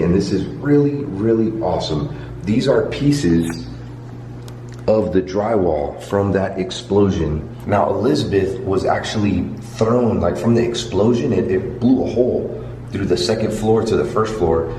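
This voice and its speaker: A man's voice: low voice, dark tone, slight background noise. A man hosting a casual walk-and-talk vlog, telling ghost-tour history in a colloquial, rambling way. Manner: colloquial, rambling explanations with frequent "you know". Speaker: vlog host. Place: indoors in a large hotel. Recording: roomy echo with background music. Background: music.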